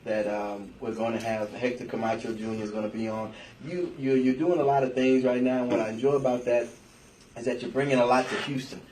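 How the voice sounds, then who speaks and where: Fast-talking male radio host, off-mic. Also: mid-range voice, steady tone, a little mellow, far from the mic, low-quality recording. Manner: chatty, agreeable, quick to jump in. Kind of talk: casual radio interview.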